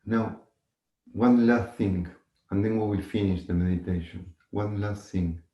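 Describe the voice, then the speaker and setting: Slow, low-voiced man guiding a meditation. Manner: measured, instructive, with long pauses and gentle repetition. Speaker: meditation teacher. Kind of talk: guided meditation. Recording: echoey room.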